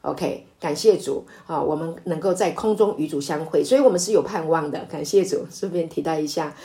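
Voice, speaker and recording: A woman's voice: deep voice, mellow. Woman pastor teaching, full of fillers. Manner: frequent drawn-out fillers and hesitations; emphatic, rising to exclaim at key points. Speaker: pastor leading Bible study. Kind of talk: conversational Bible study teaching.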